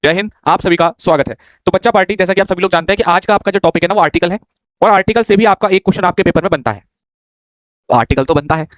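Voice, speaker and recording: Guy teacher, talks quick and high, chatty, scolds and jokes with the kids. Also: no room sound. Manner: chatty, scolding and joking with students. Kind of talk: online exam-prep grammar class.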